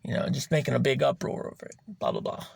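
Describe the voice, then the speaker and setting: A man's voice: mid-range voice, huge pitch swings, gravelly, no echo, studio quality. A man hosting a podcast, talking through a personal story in a raw, emphatic way, swearing freely and drawing words out for emphasis. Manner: slows and stretches words for emphasis. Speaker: podcast host. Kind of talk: candid personal monologue.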